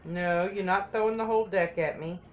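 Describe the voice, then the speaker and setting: Low-voiced chatty woman reading tarot. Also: a little fast, slight background noise. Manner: chatty, repeats phrases for emphasis. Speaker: tarot reader.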